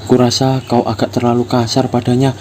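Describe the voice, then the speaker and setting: A shy, nervous schoolboy, voiced by a male reader who hesitates and stumbles over his words. His voice sits a touch higher than the reader's own in this storybook recap. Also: completely flat delivery, a little fast, a little mellow, slight background noise, lightly acted. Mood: timid. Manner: hesitant, stammering. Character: timid, nervous high school boy.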